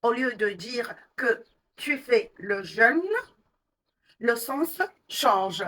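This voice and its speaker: A woman teaching French, explaining words and pronunciation patiently, step by step, with many pauses and fillers. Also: on the high side, animated, sharp tone, recorded from a distance, poor audio. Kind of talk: language lesson explaining vocabulary and pronunciation.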